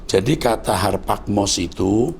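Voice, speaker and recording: A gravelly, low-voiced man in his sixties teaches like a pastor, lecturing in a fatherly tone and often addressing his listener as a child. A faint hiss sits under his speech. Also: fairly even intonation, measured pace. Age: 60s. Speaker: pastor answering viewer questions. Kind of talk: conversational teaching.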